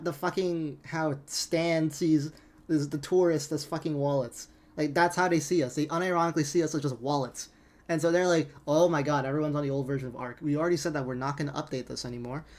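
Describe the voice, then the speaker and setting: Exasperated man ranting, slightly high voice. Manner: exasperated, incredulous ranting with frequent swearing. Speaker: gaming commentator. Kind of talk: casual rant commentary on a game trailer.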